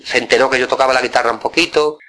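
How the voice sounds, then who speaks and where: A man's voice: medium pitch, fairly even intonation, very fast, pushed and bright. An older man, a flamenco guitarist, reminiscing casually in an interview, rambling and repeating words with many tag questions.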